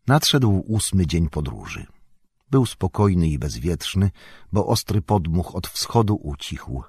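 A man reads a fantasy novel aloud in a calm, measured way. His voice is deep and husky. The recording is dry and close, with no room sound. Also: dry recording. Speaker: audiobook narrator. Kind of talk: scripted narration of a fantasy novel.

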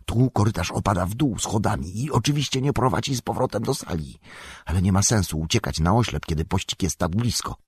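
A man's voice: on the low side, expressive, fairly quick, a little mellow, breathy edge, no echo, full character voice. A man voicing a bold warrior who gives urgent orders in an audiobook reading. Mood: tense.

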